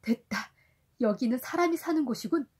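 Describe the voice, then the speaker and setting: Woman doing a bold sailor adventurer, high pitch, husky, exclamatory, storybook read to a toddler. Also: lively intonation, fairly quick, a little mellow. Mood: determined. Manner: exclamatory, dramatic, reading to a toddler.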